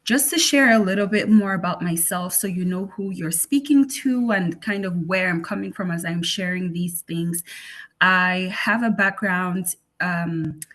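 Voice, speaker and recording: A woman from Cameroon, a physician, presenting an online health session in a measured, explanatory way with some ums and restarts. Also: on the low side, a bit bright.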